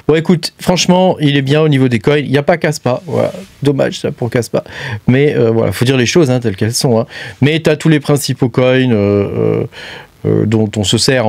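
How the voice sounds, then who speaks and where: A man's voice: mid-range voice, darkish tone, no echo. A man giving a casual hands-on review of a gadget, talking loosely with many fillers and repeated tag words. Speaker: crypto hardware reviewer.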